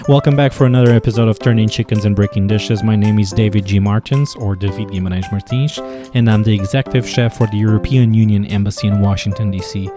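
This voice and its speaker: A man's voice: on the low side, fast, music in the background. A man from Portugal with a Portuguese accent, hosting a podcast interview with an upbeat, scripted welcome. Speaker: podcast host.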